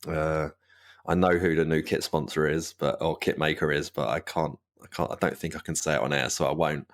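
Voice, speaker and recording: A man's voice: very deep voice, fairly even intonation, a little fast. A man co-hosting a football fan podcast in casual chat, rambling through asides and laughing often. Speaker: podcast co-host.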